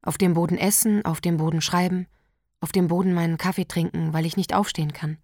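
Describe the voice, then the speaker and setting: A woman with a lowish voice reads a literary piece in a quiet, measured, intimate manner. The sound is close and dry, with no room around it. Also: fairly even intonation, dry recording. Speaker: narrator. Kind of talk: literary reading.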